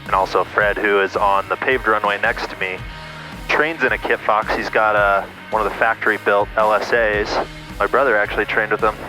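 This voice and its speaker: A man's voice: lowish voice, fairly even intonation, moderate pace, over music, poor audio. A man talking casually to viewers as a pilot and host, thinking aloud and narrating what he does in a small plane cockpit. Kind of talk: casual vlog talk to viewers while flying. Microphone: aviation headset.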